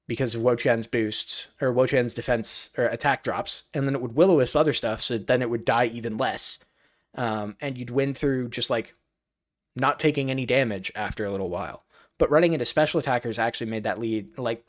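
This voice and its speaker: A man streaming his live breakdown of a match, rambling and thinking aloud as he goes. His voice sits at an ordinary middle pitch, and he jumps from one point to the next without much pause. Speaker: streamer analyzing a match broadcast.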